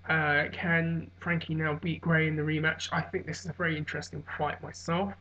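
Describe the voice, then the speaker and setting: A hungover man giving a casual, rambling solo recap as a vlogger, musing and hesitant with trailing pauses. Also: on the high side, level tone, bright, forceful tone. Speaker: vlogger giving fight commentary. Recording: dull, lo-fi sound.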